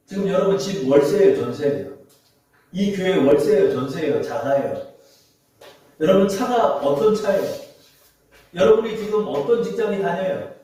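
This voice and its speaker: A man's voice: sits high, dark tone. A male pastor preaching a sermon in a church, emphatic and full of rhetorical questions to the congregation. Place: church sanctuary. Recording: very echoey church hall, far from mic.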